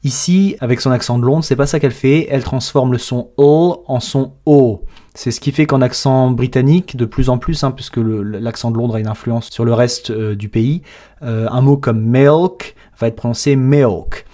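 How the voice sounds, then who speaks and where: A man's voice: mid-range voice, fairly even intonation, normal speed, mellow. A French-speaking man coaching English pronunciation, breaking down each sound step by step in an explanatory lesson.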